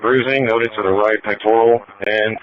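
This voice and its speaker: A man's voice: on the low side, steady tone, moderate pace, muffled recording. A man giving a methodical, matter-of-fact patient report as a medic over a two-way radio.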